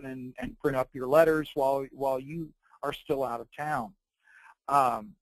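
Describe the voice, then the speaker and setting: A man presenting an informal product tutorial, explaining things in a halting, piecemeal way. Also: mid-range voice, no room sound, poor audio. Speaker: presenter demonstrating dictation devices and software. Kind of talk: informal product tutorial narrated over slides.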